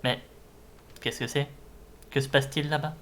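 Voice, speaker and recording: A man's voice: mid-range voice, level tone, moderate pace, a bit bright, a little hiss or hum, natural voice. Earnest, wide-eyed little creature for a game, performed by a man; friendly and caring. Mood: wonder. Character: friendly, concerned young Pokémon who loves the beach.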